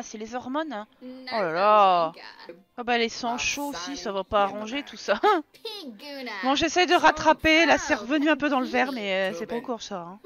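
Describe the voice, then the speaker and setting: A woman's voice: sits high, fairly bright tone. A woman with a French accent giving casual, chatty commentary on her own Let's Play, teasing and scolding the characters on screen.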